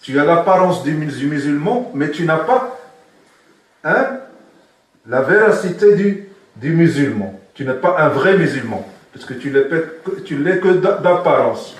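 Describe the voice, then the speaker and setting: A man's voice: fairly high pitch, expressive, a little slow. A man giving a spoken religious lesson as a sheikh, asking his listeners questions and repeating his key points. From Morocco. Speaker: sheikh teaching Sufism. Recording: very echoey room, from far off.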